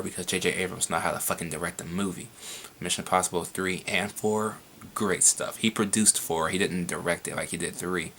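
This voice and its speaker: A man's voice: low-pitched, vocal fry, pushed and bright, slight background noise. A young man answering viewer questions in a casual vlog, rambling with frequent swearing and laughs.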